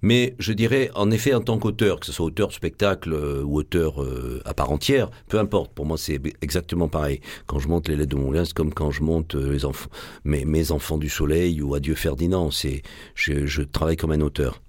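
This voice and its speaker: An older man with a Marseille accent, talking about his work as a stage actor and author in a radio interview, effusive and halting with many restarts. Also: very deep voice, darkish tone, no echo, clean studio sound. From Marseille, France.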